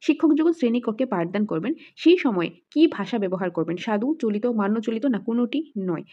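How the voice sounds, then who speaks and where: A woman's voice: on the high side, lively intonation, brisk, mellow, lo-fi sound. A woman teacher runs through exam questions, reading out the options, then restating each answer and mixing in English words. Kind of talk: quiz-style exam lesson.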